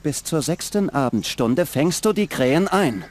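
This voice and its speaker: A man's voice: on the high side, expressive, moderate pace, darkish tone, close to an everyday voice. An actor playing a stern, threatening guard of a king's court in a fantasy adventure game, commanding and menacing.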